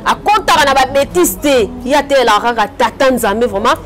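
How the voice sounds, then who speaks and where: A woman hosting a casual chat, giving soft replies and upbeat praise. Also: high-pitched, expressive, normal speed, soft background music.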